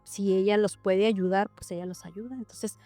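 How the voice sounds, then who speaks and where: A woman's voice: mid-range voice, moderate pace, no room sound, faint music behind. A middle-aged woman, telling a story in casual chat on a podcast, with lots of restarts and quoted dialogue. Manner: animated retelling with many restarts and quoted dialogue. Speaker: podcast guest.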